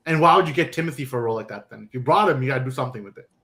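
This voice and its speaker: A man's voice: mid-range voice, expressive, rapid-fire, pushed and bright. A young man hosting a casual movie chat on a stream, joking and chatty with lots of fillers. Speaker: podcast host.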